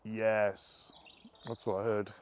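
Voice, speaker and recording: A man hunting ghosts outdoors in a forest at night. He calls out questions to spirits, then talks quietly to his companion. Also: on the low side, little pitch movement, takes it slowly, noisy background. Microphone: camera held by a companion.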